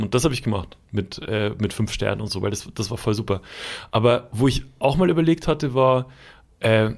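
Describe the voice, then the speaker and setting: Rambling man telling a story. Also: medium pitch. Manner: rambling storyteller with many fillers and restarts; shouts out quoted lines when retelling. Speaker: podcast co-host. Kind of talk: casual chat.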